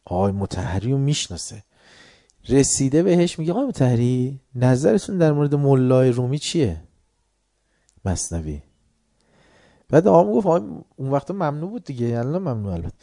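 A man giving an informal religious class, telling stories with swings between loud and quiet, and reciting verse slowly. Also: mid-range voice, big pitch swings, no room sound, studio quality. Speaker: religious lecturer.

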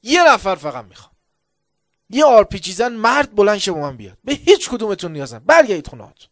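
A man voicing a fierce male war commander who shouts defiantly at his troops. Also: high-pitched, very animated, no echo, clean studio sound, voice pushed up.

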